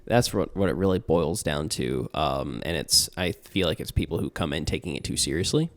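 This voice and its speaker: A man's voice: very deep voice, moderate pace, a bit bright. A young man talking casually on a podcast about tabletop games, earnest and rambling with restarts and fillers. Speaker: podcast guest, tabletop player and game master.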